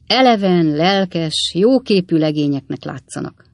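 A reader voicing Mr. Pickwick, an earnest, kindly elderly gentleman who asks and exclaims a lot, in a dry audiobook reading. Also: medium pitch, lively intonation, vocal fry, dry recording. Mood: earnest, inquiring.

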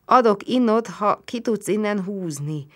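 A woman's voice: mid-range voice, animated, fairly bright tone, voice pushed up, close to an everyday voice. A woman voicing a wounded young soldier, pinned between dead horses, who speaks urgently and coaxingly.

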